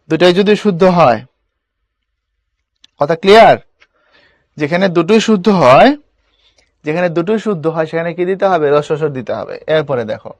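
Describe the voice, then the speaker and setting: Here a young man with a higher-leaning voice runs an online spelling lesson, no echo in the sound. His manner is relaxed and encouraging, and he keeps checking that the students follow.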